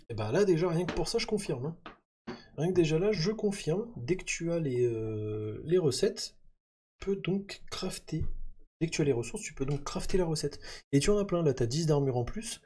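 A man's voice: on the high side, dark tone, breathy edge. A man chatting casually through gameplay, thinking aloud with lots of fillers. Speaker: gaming YouTuber.

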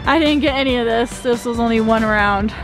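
A woman's voice: a little high, fairly quick. A young woman vlogging at a forest campsite, chatting casually with laughs and light swearing. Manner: giggly, laid-back, swears casually. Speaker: van-life vlogger. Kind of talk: casual vlog chat. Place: outdoors at a forest campsite by a van. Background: music.

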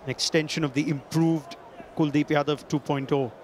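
A man commentating on cricket with lively, emphatic calls. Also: fairly high pitch, normal speed, noisy background.

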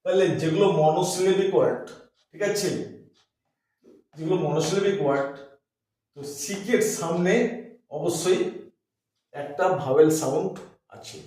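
A male English teacher with a Bengali accent giving a lesson at a board, explaining slowly and spelling words out letter by letter. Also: sits high, warm tone. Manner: frequent checking fillers. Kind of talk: classroom lesson. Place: classroom with a board. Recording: very echoey room, far from mic.

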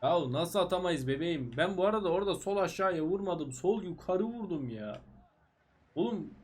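A man commentating his own football video game career in casual, frustrated bursts, urging his players on and yelling when chances are missed. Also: moderate pace, breathy edge. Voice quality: high-pitched, animated. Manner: shouts at players, frustrated, breaks into excited yells. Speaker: gaming YouTuber. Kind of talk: excited live game commentary.

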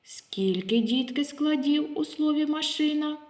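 A woman's voice: high-pitched, a little mellow. A woman kindergarten teacher speaking Ukrainian with a local accent, leading a literacy lesson for small children and asking them questions. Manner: slow, sing-song teacher talk with questions to children.

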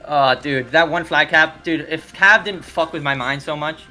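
A young man commanding his regiment over voice chat, repeating orders and swearing, shouting when excited. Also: a little high, normal speed, faint music behind. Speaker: regiment commander leading players. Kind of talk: live voice chat during an online battle game.

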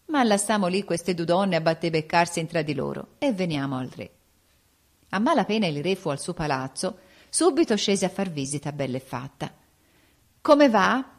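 A woman's voice: fairly low pitch, animated, brisk. Woman narrating a folk tale audiobook. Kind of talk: reading a folk tale aloud.

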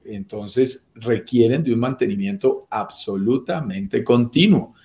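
Middle-aged male presenter, medium pitch, instructive explainer style for online video. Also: measured pace, mellow. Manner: didactic, repeats key phrases and poses rhetorical questions. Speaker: property business presenter. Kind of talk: explanatory talk on a live video. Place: small room or home office, indoors.

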